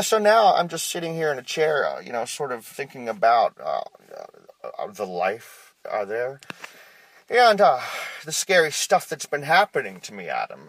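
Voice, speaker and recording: A man's voice: a little high, no room sound. A man voicing a nervous, quirky male publisher who rambles and stammers through a phone voicemail message. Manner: hesitant, stammering, full of uh's, oddly deadpan rambling. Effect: played back as a phone voicemail message.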